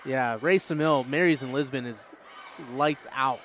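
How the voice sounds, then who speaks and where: A man doing casual, jokey play-by-play for a high school basketball game, chatting with listeners between calls. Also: measured pace, a bit bright. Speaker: play-by-play announcer. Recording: noisy gym broadcast.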